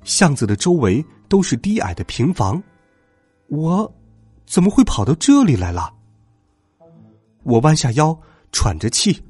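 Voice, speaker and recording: A man reads a children's bedtime story with dramatic flair, his pitch swinging widely. His voice is a bit high and a little husky, with soft music faintly behind him. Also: unhurried, long pauses, no room sound. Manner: expressive and dramatic.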